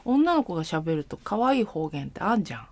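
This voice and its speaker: Lively woman in casual chat. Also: on the low side, fairly quick, no echo. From Hiroshima. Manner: lively, laughs often.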